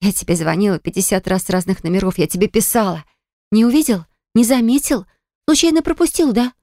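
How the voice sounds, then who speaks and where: A woman voicing a sharp-tongued, sarcastic young woman who answers back with defiance in an audiobook. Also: on the low side, steady tone, fast talker, gravelly, no echo, clean studio sound. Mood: indignant. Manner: mocking, defiant.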